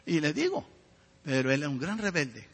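A man's voice: a little high, very animated, normal speed, a bit bright, husky, in a large hall. A man preaching a sermon with fervor, often turning to ask the listeners direct questions.

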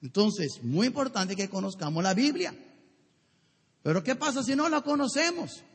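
Lively husky-voiced pastor preaching in a hall. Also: male voice, sits high, moderate pace. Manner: lively, joking, direct to congregation. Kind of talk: sermon. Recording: echoey hall.

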